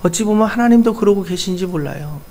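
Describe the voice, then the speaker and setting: A male pastor preaching a sermon in church, earnest and shifting between loud urging and soft asides. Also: high-pitched, lively intonation, fast.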